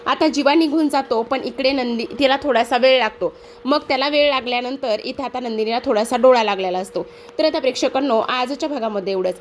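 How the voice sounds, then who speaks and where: A woman retelling a TV serial episode in a brisk storytelling way, with frequent hesitation sounds. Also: high-pitched, a little hiss or hum. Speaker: TV serial recap narrator.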